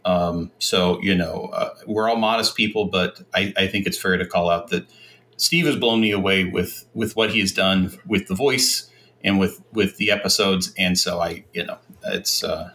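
Man, podcast guest, low voice, rambling, filler-heavy casual talk. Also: steady tone, normal speed, sharp tone. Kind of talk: casual chat.

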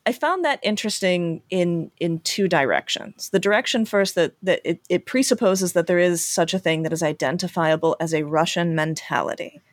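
An interviewer from the United States asking long, reflective questions in a measured way. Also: mid-range voice, no echo. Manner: measured, reflective, occasional fillers. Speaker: interviewer host.

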